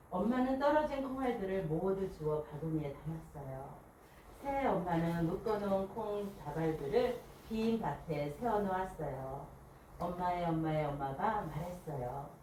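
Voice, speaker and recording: A woman reads a picture book aloud to a small group in an animated, expressive way, and she pauses to put questions to her listeners. Her pitch rises and falls freely as she tells the story. The mic is set some way off in a very echoey room, and a faint hiss sits under her voice. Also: distant mic. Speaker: picture book reader at a book club.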